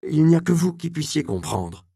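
An earnest young apprentice, as a male reader acts him out, pleading and anxious, his voice lifted high. Gravelly texture in a dry, close recording. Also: steady tone, moderate pace, warm tone, dry recording.

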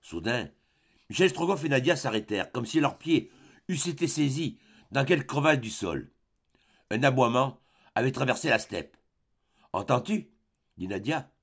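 Measured male audiobook narrator. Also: mid-range voice, lively intonation, fairly bright tone, breathy edge. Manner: measured, dramatic storytelling.

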